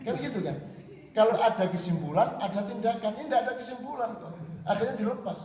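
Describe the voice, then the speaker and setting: A man telling lively stories to an audience, often laughing as he talks. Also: sits high, fast. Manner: animated, laughing storyteller slipping into Javanese. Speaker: speaker at a religious gathering. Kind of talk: storytelling talk to an audience. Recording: echoey hall recorded from far off, noisy.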